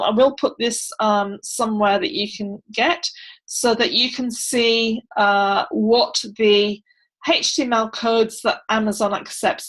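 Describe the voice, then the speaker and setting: A woman's voice: medium pitch, fairly bright tone, rough recording. A woman teaching book marketing on an online video call, chatty, with many fillers and frequent laughs. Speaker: book launch coach.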